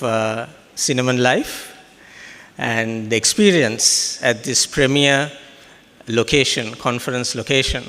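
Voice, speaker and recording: A man's voice: medium pitch, fairly bright tone. Upbeat male emcee in a reverberant hall. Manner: upbeat, rallying the audience. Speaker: track host. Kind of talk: emcee introduction. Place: conference hall.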